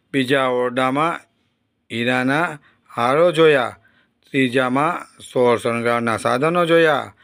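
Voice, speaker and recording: A man narrating a devotional folk story in a calm, measured storytelling voice. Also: medium pitch.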